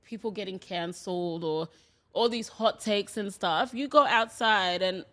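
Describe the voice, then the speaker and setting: A woman in her late twenties talks openly and chattily as a podcast guest and is quick to laugh. Her voice sits at an ordinary middle pitch. She is close to a studio mic. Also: a bit bright. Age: late 20s. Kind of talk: casual chat.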